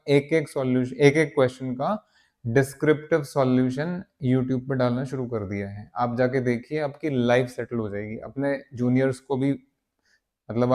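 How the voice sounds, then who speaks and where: A man teaching maths for an entrance exam, coaxing his students and repeating words for emphasis, with English phrases mixed in. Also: mid-range voice. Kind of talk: exam-prep maths lecture.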